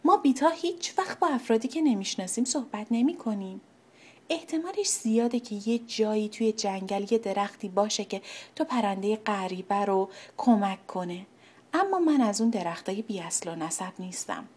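A woman's voice: mid-range voice, expressive, darkish tone, slightly rough. A woman voicing a snobbish, proud willow tree that dismisses a stranger disdainfully in a children's story. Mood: haughty.

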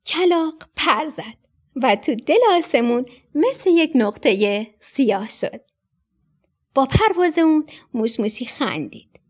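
Animated narration for kids comes from a high, breathy female storyteller. She performs expressively, using hushed whispers at the tense moments.

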